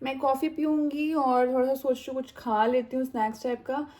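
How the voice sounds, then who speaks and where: A high-voiced Indian woman talks casually through a home vlog as a mother, slipping English words in among many fillers. Her tone is mellow and unhurried. She sounds a little far from the mic in an echoey room. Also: steady tone. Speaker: mother vlogger.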